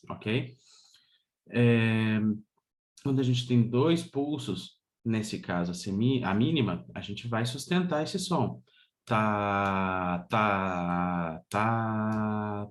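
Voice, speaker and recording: A man's voice: on the low side, a little mellow. A man from Brazil giving an online music lesson. He explains each step patiently and chants rhythm syllables as examples. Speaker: music teacher.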